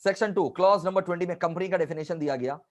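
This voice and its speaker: A man's voice: high-pitched, quick pace. A man teaching a live online revision class, emphatic, repeating key points and adding scolding asides to his students.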